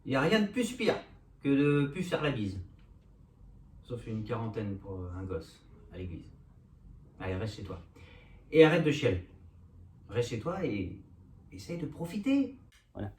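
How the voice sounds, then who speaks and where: In a relaxed home video shot indoors, an amateur poet reads his funny poem and jokes at his own expense between stanzas. His mid-range, darkish voice is unhurried, full of long pauses and big pitch swings.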